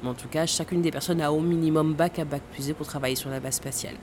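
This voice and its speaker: She talks fast with fairly even intonation in a low, slightly mellow voice, and there's a little hiss or hum. The speaker, a space center tour guide in her thirties who was born in Guadeloupe and raised in French Guiana, gives interview answers packed with fillers and occasional laughs.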